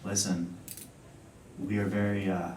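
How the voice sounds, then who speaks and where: A young man with a deep voice talks as a client in a role-play conversation. He is deliberate and playfully emphatic, recorded away from the mic in a roomy space with faint noise. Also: flat delivery, darkish tone. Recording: echoey room, distant mic, faint rumbling noise.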